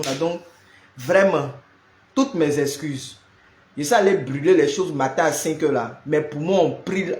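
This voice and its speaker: Chatty man, roomy sound. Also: on the high side. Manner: chatty, greets viewers by name, peppers speech with "là" and "hein". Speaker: live-stream prayer host. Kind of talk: casual live-stream chat with viewers. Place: home. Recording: roomy echo.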